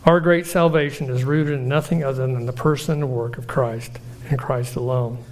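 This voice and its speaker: A man preaching a sermon in an earnest, measured way, slowing down for emphatic lists. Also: medium pitch, steady tone.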